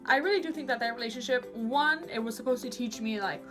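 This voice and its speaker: A young woman telling a personal story to camera in a casual, animated, dramatic way. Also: on the high side, fast talker, music in the background. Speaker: vlogger.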